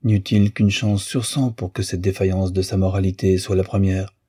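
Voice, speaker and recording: A man's voice: low voice, little pitch movement, moderate pace, dark tone, slightly rough, no room sound, clean studio sound. A man voicing a stern, wrathful older male lawyer who hammers out his indignant words. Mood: softening.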